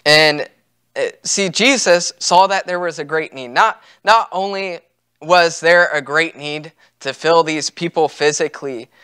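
A man's voice: a little high, unhurried, pushed and bright, clean tone, dry recording. A young man preaching a sermon from a church pulpit, earnest and conversational, with frequent fillers and restarts. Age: young adult. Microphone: pulpit microphone.

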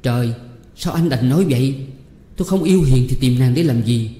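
A man's voice: mid-range voice, expressive, brisk, warm tone, pitched above the performer's own voice, close to an everyday voice. A man voicing a young man who pleads in emotional outbursts, read as an audiobook character. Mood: pleading. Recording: echoey room with long reverb.

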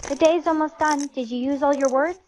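A woman voicing scripted storytime dialogue in a brisk, matter-of-fact way. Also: high voice, fairly even intonation, darkish tone, slight background noise.

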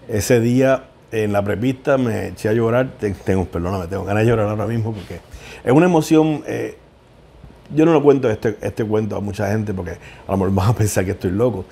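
A man's voice: on the low side, vocal fry, dark tone. A middle-aged man, an equine veterinarian, telling heartfelt stories in an interview. He often repeats words as he searches for them. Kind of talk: emotional interview storytelling.

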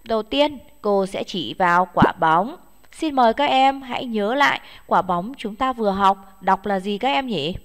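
A woman teaching English to young children in slow, patient steps, with a Vietnamese accent, saying each word twice. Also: mid-range voice, animated, long reverb tail.

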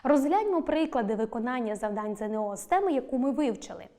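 Teacher, woman, scripted lesson delivery, fairly high pitch, deliberate and clear. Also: expressive, dark tone. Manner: clear, deliberate, stresses each example word.

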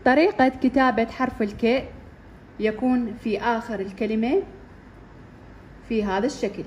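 A woman's voice: on the high side, fairly even intonation, a little mellow, muffled recording, slight background noise. A woman with an Iraqi accent teaching a first-grade reading lesson, repeating and stretching out syllables for young children. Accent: Iraqi Arabic. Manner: slow, drawn-out repetition of syllables for drilling. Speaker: primary school teacher.

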